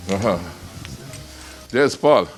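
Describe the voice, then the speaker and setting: A man's voice: on the low side, expressive, slow pace, faint music behind. A middle-aged man hosting a casual on-site interview, chatty and prone to repeating words. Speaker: host.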